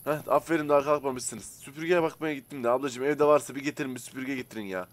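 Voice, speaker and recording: A man casually commenting as he plays a simulator game, chatting to viewers and to the characters, and bursting out loudly when annoyed. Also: medium pitch, fast. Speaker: gaming streamer. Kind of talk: casual let's-play commentary.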